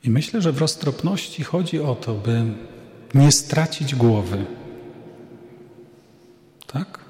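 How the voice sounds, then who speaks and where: A man speaks slowly and unhurriedly, giving a priest's talk with a relaxed, chatty tone and frequent asides. His voice is mellow and dark. The sound rings with a long reverb, as in a large hall. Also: medium pitch. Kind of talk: sermon-like talk. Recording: echoey hall.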